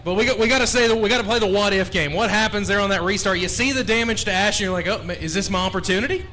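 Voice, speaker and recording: A man working as a race track announcer, interviewing drivers after a race with a booming showman manner at an outdoor dirt track. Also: rapid-fire, pushed and bright, a little hiss or hum. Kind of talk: post-race interview commentary.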